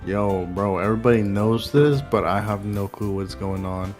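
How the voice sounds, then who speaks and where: A man's voice: lowish voice, fairly even intonation, normal speed, a little mellow, faint music behind. A man streaming a game and reading chat messages aloud in a loose, casual way, swearing now and then.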